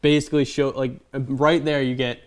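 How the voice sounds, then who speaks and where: Smooth-voiced man joking about movies. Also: medium pitch, flat delivery, brisk. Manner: rambling, joking, acts out quotes. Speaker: podcast co-host. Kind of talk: casual movie chat.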